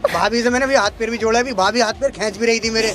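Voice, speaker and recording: A man's voice: extremely high pitch, rapid-fire, fairly bright tone, soft background music. A man playing a flustered, pleading brother-in-law. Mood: explaining. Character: guilt-ridden young brother-in-law begging forgiveness. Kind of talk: staged street skit. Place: outdoors in a park.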